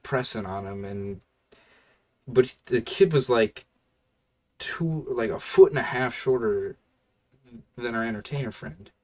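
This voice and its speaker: A young man telling a story in a casual, rambling way, full of fillers and laid-back slang. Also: medium pitch. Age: young adult.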